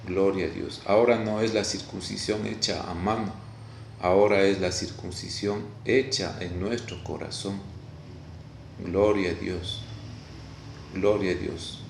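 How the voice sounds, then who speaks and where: A man from Ecuador with an Ecuadorian Spanish accent, preaching a video sermon in a halting way, repeating words and often saying "Gloria a Dios.". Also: deep voice, steady tone, vocal fry, roomy sound, a little hiss or hum.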